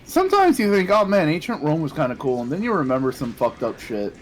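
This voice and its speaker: A man's voice: fairly high pitch, quick pace. Rambling, swearing man on a stream. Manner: rambling, swears casually, stammers when excited. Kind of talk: casual chat while gaming.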